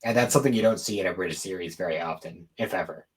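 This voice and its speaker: Low-voiced and quick, this man co-hosts a podcast, chatting casually and offhandedly about anime and games.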